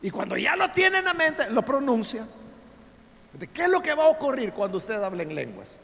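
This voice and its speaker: A man's voice: very high-pitched, sing-song, normal speed, gravelly, pushed and bright. A male pastor preaching emphatically in a church, asking rhetorical questions and speaking straight to his listeners. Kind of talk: sermon. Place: church sanctuary. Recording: long church reverb, faint background ambience.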